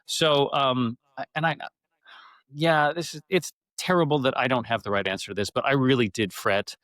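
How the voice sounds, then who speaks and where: This middle-aged stage and radio theater actor, appearing as an interview guest, chats casually and candidly, often breaking off mid-thought while telling stories. His mid-range voice has a fairly bright tone and moderate pace, with no room sound.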